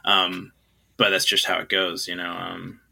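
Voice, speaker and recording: A man's voice: low voice, completely flat delivery, a little slow, gravelly, bright, forceful tone. A young man from New Zealand who grew up in China, a guest musician chatting casually in an interview, hesitant and rambling with many fillers. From New Zealand, raised in China.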